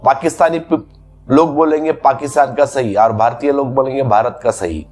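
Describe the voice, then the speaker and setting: A man's voice: mid-range voice, moderate pace, a little mellow, soft background music. A man giving a spiritual discourse as a teacher, explaining patiently through repeated everyday examples.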